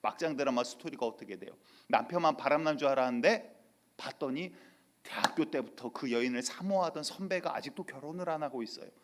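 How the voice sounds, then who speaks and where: Male pastor, church sermon, lively storyteller, acts out quotes, mid-pitched voice. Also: brisk.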